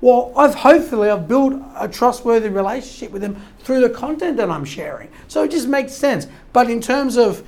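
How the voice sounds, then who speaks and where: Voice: medium pitch, expressive, normal speed, few pauses, a little mellow. An SEO consultant giving an informal explanatory talk, rambling with frequent restarts and "right?" tags, voice wearing thin from talking long.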